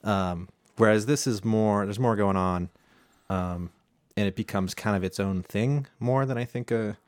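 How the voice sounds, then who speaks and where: A man's voice: lowish voice, measured pace, dry recording, clean studio sound. A man hosting a casual chat, explaining a drink recipe with plenty of fillers and restarts. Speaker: home bartender host.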